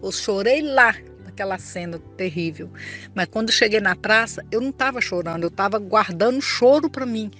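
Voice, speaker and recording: A woman's voice: mid-range voice, animated, normal speed, a bit bright. Older woman, earnest, tearful, faint music behind. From Brazil. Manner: earnest, tearful storytelling, addresses listener as brother. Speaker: church member giving testimony. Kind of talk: emotional personal testimony.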